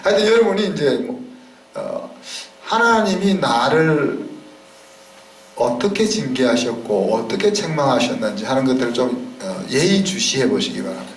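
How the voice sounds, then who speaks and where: A man's voice: mid-range voice, expressive, moderate pace. A man, a pastor, preaching a sermon in a conversational way, often checking in with the congregation. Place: church sanctuary. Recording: roomy church sound from a distance.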